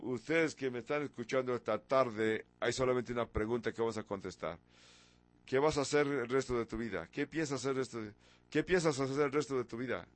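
A man's voice: mid-range voice, fairly quick. A man in his sixties preaching a sermon, firing off rhetorical questions and pushing certain words with sudden emphasis. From from abroad, a country once ruled by an emperor. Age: 60s.

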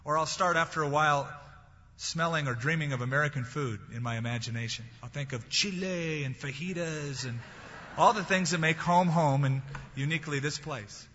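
A man's voice: a little high, normal speed, pushed and bright, breathy edge. A male pastor preaching a sermon in a conversational way, quoting scripture and telling light anecdotes. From California. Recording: dull recording in a large reverberant hall.

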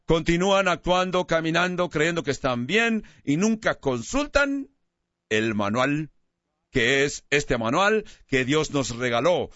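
A man preaching a sermon as a pastor, slowing down to stress key words. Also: on the high side, lively intonation, fairly bright tone, no echo, muffled recording.

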